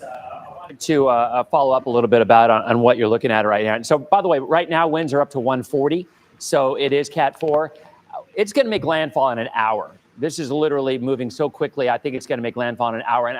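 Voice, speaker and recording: A man anchoring live breaking weather coverage, explaining conditions in a conversational but urgent manner. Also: on the high side.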